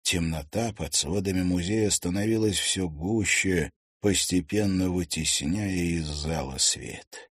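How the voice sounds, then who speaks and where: A man reading a dark fantasy novel aloud in a measured, dramatic narration. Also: low-pitched, slightly rough, dry recording. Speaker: audiobook narrator. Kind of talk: scripted narration.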